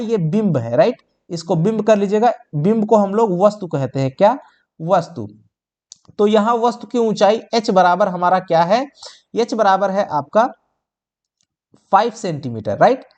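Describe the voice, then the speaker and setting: A man with a high-sitting, slightly mellow voice leads a tenth-grade science exam-prep lesson at the board. He refers to his students as children, posing questions and answering them himself as he goes through each step.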